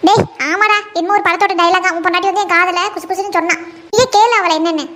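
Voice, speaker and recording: A woman voicing a bossy, sharp-tongued older mother-in-law in a comic cartoon, scolding and taunting her family. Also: extremely high pitch, fairly even intonation, quick pace.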